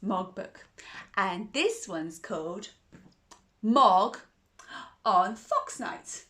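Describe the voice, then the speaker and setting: A woman hosts a children's storytime, reading a bedtime story and talking to young listeners in an exuberant, sing-song way, often repeating phrases. Her medium-pitched voice is animated, pushed, and bright, and she speaks very slowly.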